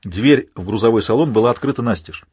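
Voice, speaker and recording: A man narrating an audiobook in an even, measured reading. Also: mid-range voice, breathy edge, no echo, clean studio sound. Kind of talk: scripted narration.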